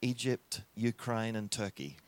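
An Australian man who is a guest preacher, giving a friendly, joking sermon in short phrases and pausing for an interpreter. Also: fairly low pitch, animated, dry recording. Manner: friendly, jokey, pauses for the interpreter.

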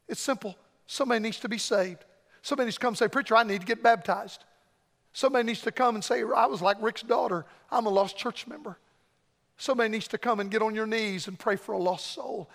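A man's voice: extremely high pitch, fast, gravelly, fairly bright tone. A middle-aged man preaching a fervent revival sermon and pleading altar call, emphatic, with short repeated phrases. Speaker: evangelist preacher. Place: large church hall, preaching to congregation. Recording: large reverberant hall.

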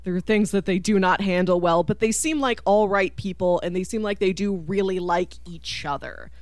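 A woman co-hosting a podcast chats casually about a film, animatedly voicing what people might be thinking. Her voice is medium-pitched and darkish in tone at normal speed, recorded with no echo.

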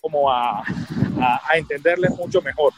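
A man's voice: a little high, unhurried, background noise. A man chatting casually on a podcast while walking outdoors in a park, easygoing and a little hesitant.

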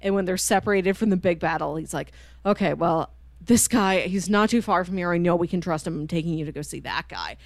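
A fairly low-pitched woman speaks briskly as co-host of a manga discussion show, chattily retelling a story and playing out the characters' lines in a casual, spoiler-laden book discussion. No room sound comes through.

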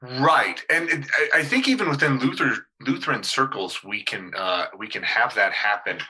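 A man's voice: mid-range voice, expressive, moderate pace, bright, forceful tone, breathy edge, low-quality recording. A male pastor in casual discussion, talking hesitantly with many fillers and restarts.

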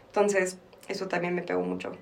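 A Mexican woman in her twenties, a podcast guest, speaks openly and reflectively in a candid personal interview, with Mexican Spanish accent and occasional English phrases slipped in. Her fairly low, creaky voice is flat in delivery and fairly quick, and she sits far from the mic.

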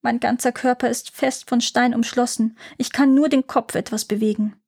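A woman's voice: on the high side, fairly even intonation, normal speed, vocal fry, a little mellow, slightly rough, voice pushed up. A woman reading a fairy tale aloud and voicing a desperate young man trapped in a rock who urges his sister to flee. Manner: urgent, pleading.

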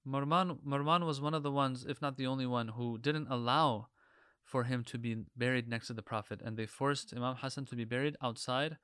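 A man's voice: mid-range voice, a bit bright, clean tone, no room sound, clean studio sound. A man giving an Islamic history lecture in an emphatic, preacher-like manner with rhetorical questions. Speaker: religious lecturer.

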